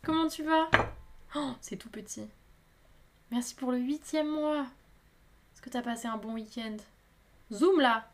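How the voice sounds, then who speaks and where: A woman with a high voice chats to her viewers as she works at her pottery. She talks in a lively, excitable way and apologizes often. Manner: chatty, excitable, quick to apologize. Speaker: potter streaming live. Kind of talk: casual live-stream chat.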